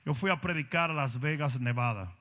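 A man preaching a sermon, animated storytelling that rises to shouting. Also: medium pitch, brisk. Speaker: pastor. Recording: long hall reverb.

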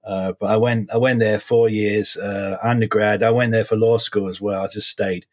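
A man in his forties with a slight Essex English accent softened by American years, chatting casually as an interview guest in halting, repetitive phrasing. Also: on the low side, little pitch movement. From suburbs of London, England (Essex), then Florida from age 12. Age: 40s. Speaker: guest, criminal defense lawyer.

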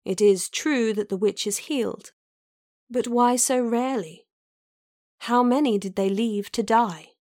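A woman voicing a cool, probing noblewoman who speaks in a measured, deliberate way. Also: fairly high pitch, darkish tone, no echo, studio quality, lightly acted. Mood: challenging. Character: cool, probing noblewoman, middle-aged, unrelenting. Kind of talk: audiobook character reading.

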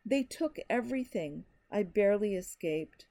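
A woman voicing a desperate male stranger who pleads and shouts an urgent warning, in a frantic, rising manner. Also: mid-range voice, lively intonation, moderate pace. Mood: anguished.

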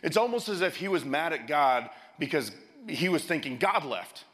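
A man's voice: a little high, sing-song, normal speed, a bit bright. A man preaching a sermon as a pastor, telling stories and often restarting his phrases.

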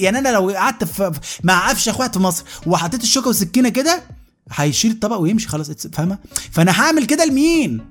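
A man with an Egyptian Arabic accent doing a comic monologue, exasperated and mocking, tripping over his words as he rants. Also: high voice. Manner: exasperated, mocking, rapid-fire with frequent restarts. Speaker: podcast host.

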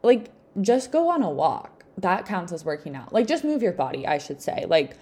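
A woman's voice: on the low side, sing-song, normal speed, warm tone. A young adult woman giving casual, chatty advice in an upbeat, encouraging, informal way, peppering her talk with "like". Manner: informal, frequent "like" as filler. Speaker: host of a self-help podcast.

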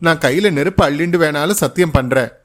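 A man voicing a tearful young wife who haltingly pleads her innocence in a story reading. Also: on the high side, close to an everyday voice. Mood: pleading.

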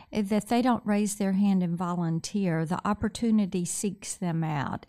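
A woman hosting an interview speaks at a middle pitch in a measured, affirming way. She is from Tennessee and answers her guest with encouragement before she moves to the next question. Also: warm tone. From Tennessee, USA. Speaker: interview host.

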